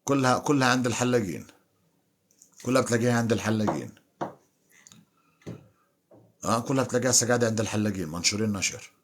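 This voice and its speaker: Husky, low-voiced man. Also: rapid-fire. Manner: teasing, bantering. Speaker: livestream host. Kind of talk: casual live chat with viewers.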